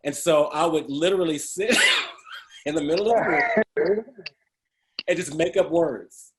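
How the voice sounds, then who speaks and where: A man's voice: on the high side, measured pace, heavy background noise. A middle-aged man telling stories about his life in a casual interview, humorous and often laughing as he talks. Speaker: interview guest. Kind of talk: storytelling in a casual conversation.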